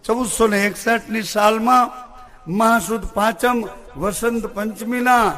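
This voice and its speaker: Gujarati man preaching a katha, high voice, slow and dramatic, loud music behind him. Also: steady tone. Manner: dramatic, voices characters, rising to cries. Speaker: religious storyteller. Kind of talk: devotional katha sermon.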